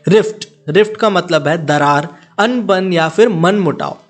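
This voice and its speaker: A man teaching English vocabulary in Hindi. He spells each word and says each example sentence slowly, then explains it quickly. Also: high-pitched, faint music behind.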